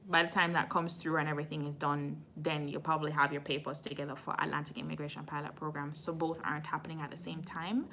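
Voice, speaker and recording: Her voice sits low, with a pushed, bright quality. She's a Jamaican woman running an immigration channel, hosting a casual live stream where she answers viewer questions frankly and admits when she doesn't know something.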